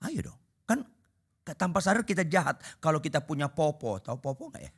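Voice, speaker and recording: Pastor guy on a church mic, highish bright voice, super animated, does all the voices in his stories. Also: fairly quick, gravelly, husky. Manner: animated, acts out dialogues, shouts and drops to half voice. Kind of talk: humorous sermon. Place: church hall before a congregation.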